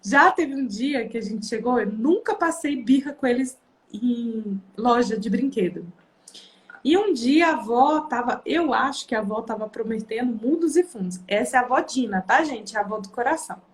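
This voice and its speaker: A Brazilian woman with a fairly high-pitched voice tells stories from home in a relaxed, conversational way. She hosts a parenting talk and keeps the tone animated, acting out the voices of her children as she goes. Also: normal speed. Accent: Brazilian Portuguese. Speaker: parenting video host. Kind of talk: casual storytelling to viewers.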